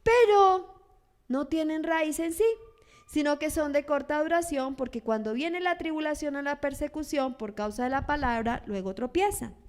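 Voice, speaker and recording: A woman pastor, preaching a sermon in an animated way. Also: sits high, normal speed. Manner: animated, acts out churchgoers' lines in quoted voices.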